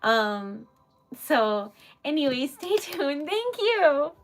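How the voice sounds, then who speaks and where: A woman's voice: high-pitched, big pitch swings, very slow. A woman with a Rhode Island accent chatting casually and animatedly as she hosts a livestream, rambling and giggly. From Rhode Island, United States. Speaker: livestream host, independent artist.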